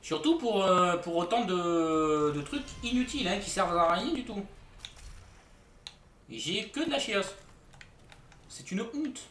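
A man's voice: sits high, animated, slow, pauses often, a bit bright, reverberant, recorded from a distance, slight background noise. A man streaming a shooter game, chatting casually with his viewers and joking in mock outrage. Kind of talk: casual live-stream commentary.

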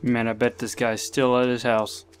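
A young man commenting live on his gameplay, talking to himself and getting excited. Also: mid-range voice, normal speed, soft background music. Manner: excitable, talks to himself, swears and laughs.

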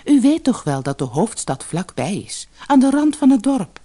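A woman's voice: fairly high pitch, sing-song, normal speed, warm tone, breathy edge, pitched above the performer's own voice. A woman doing an impatient grey-clad stranger. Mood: insistent. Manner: impatient, insistent.

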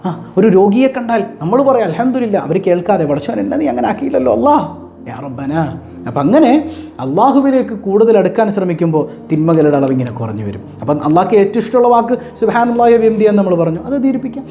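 A man's voice: high voice, very animated, fast talker, mellow, a little hiss or hum. A man giving a motivational religious talk, telling stories and repeating phrases for emphasis. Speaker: Islamic preacher.

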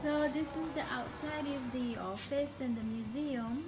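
A woman chatting and giggling while filming a tour of a railroad museum and train yard on a handheld phone. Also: sits high. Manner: giggly, playful, quick exclamations. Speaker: vlog co-host filming the tour. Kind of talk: casual chat while touring. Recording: background music under the voice.

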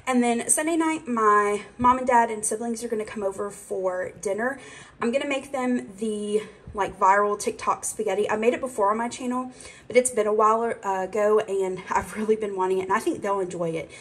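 A woman's voice: medium pitch, a little fast, low-quality recording. Chatty woman vlogging a grocery haul. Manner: chatty, rambling, with fillers and asides. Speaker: cooking channel host. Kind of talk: casual grocery haul vlog. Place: home kitchen, indoors.

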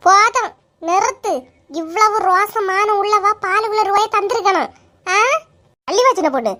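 This is a squeaky, sky-high cartoon voice for a gossiping village woman. She bickers indignantly in a Kanyakumari Tamil accent. She sounds quick to take offence. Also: pushed and bright. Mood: quarrelsome. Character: quarrelsome village women, touchy and loud. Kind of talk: animated comedy voice acting.

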